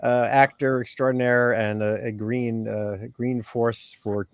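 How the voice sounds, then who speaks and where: A man's voice: mid-range voice, little pitch movement, a little slow, clear, resonant tone, no echo. An older man hosting an online panel over a video call, talking casually and hesitantly with many fillers and restarts. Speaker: host.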